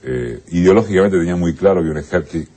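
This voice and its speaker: Man, interview, low husky dark voice, earnest reflective, faint music. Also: fast. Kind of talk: archival interview.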